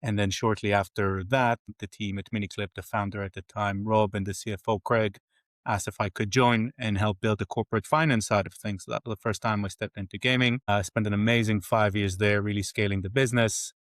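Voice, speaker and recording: Self-deprecating Israeli-born man, low voice. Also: steady tone, brisk, no echo. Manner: candid, self-deprecating, lightly joking. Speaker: guest, games company CFO. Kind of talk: podcast interview.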